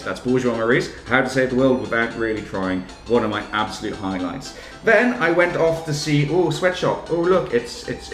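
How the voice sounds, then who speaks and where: A man's voice: mid-range voice, a bit bright, reverberant. A man giving enthusiastic, self-deprecating spoken reviews of shows in a chatty video. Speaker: theatre reviewer. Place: room with music playing.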